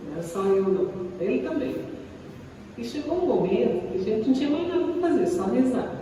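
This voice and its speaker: A woman's voice: on the high side, sing-song, brisk, dark tone. A Brazilian woman telling a funny personal story in a casual, chatty way, often laughing and tagging lines with "né?". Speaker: co-host of a spiritist live show. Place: live stream. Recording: echoey room, distant mic, background noise.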